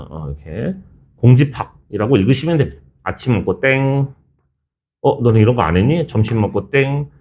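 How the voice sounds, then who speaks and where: A man's voice: mid-range voice, darkish tone. A male math teacher in his thirties, lecturing a class in a chatty, teasing way. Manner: chatty, teasing, switches between formal and casual speech.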